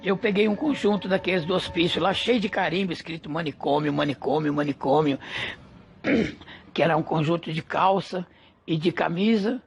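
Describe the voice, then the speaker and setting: A man's voice: fairly high pitch, normal speed, gravelly, breathy edge. A man giving an emotional personal testimony at church, telling his story dramatically and acting out the dialogue.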